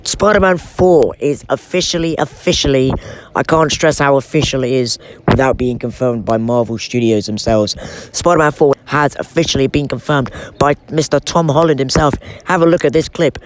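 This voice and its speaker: A man's voice: medium pitch, steady tone, normal speed, a little hiss or hum. Man talking with a towel over his head. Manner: chatty, enthusiastic fan talk. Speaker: film news host. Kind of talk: casual news commentary to camera or microphone. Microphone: microphone under a towel over his head, shielding it from wind.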